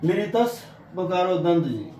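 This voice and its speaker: A man teaching a grammar lesson, sounding out letters one by one in a slow, deliberate way. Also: high-pitched, very animated, darkish tone, soft background music. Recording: echoey room with faint ambient noise.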